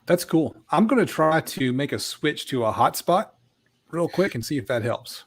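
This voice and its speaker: A man's voice: a little high, lively intonation, moderate pace. A middle-aged man co-hosting over a video call, talking in an easygoing, chatty way with some stumbling restarts. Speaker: co-host. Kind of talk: casual chat about audio gear.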